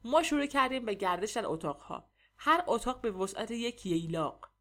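A woman with a fairly high voice reads a comic story aloud, lively and expressive as she tells it. Her delivery keeps an easy storytelling rhythm. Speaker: narrator. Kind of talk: storytelling reading of a humorous story.

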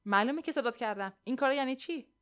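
A woman's voice: high-pitched, a bit bright, clear, resonant tone, voice pushed up. A woman voicing a stern old colonel giving orders. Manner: firm, authoritative orders. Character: stern older male army colonel, commanding. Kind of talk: audiobook character voice.

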